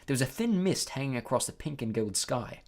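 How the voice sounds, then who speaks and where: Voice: medium pitch, expressive, a little fast, a little mellow. An audiobook reader narrating a story, with small slips and fillers.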